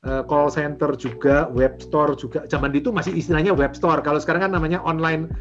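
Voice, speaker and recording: A man's voice: on the high side, brisk. Chatty man telling stories over music. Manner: animated, acts out remembered dialogue, frequent fillers. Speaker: guest, property and franchise investor. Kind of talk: casual interview storytelling. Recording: dull lo-fi audio with music underneath.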